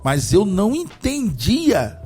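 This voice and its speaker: A man's voice: high-pitched, wildly swooping pitch, takes it slowly, darkish tone, breathy edge. A man from Brazil, an apostle guest, talking about faith in a fervent, preaching way and firing off rhetorical questions. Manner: fervent, emphatic, often asks rhetorical questions. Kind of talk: religious conversation with preaching.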